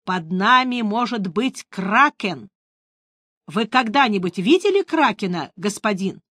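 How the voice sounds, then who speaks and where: A woman voicing a gruff, defiant male ship captain who speaks bluntly. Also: medium pitch, sing-song, unhurried, fairly bright tone, no room sound, studio quality, full character voice.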